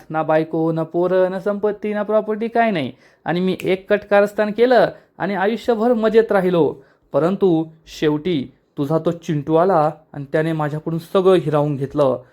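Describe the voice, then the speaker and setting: A man's voice: sits high, normal speed, darkish tone, pitched above the performer's own voice, natural voice. A man putting on a taunting scheming villain. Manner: taunting, sing-song. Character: mocking scheming middle-aged villain brother.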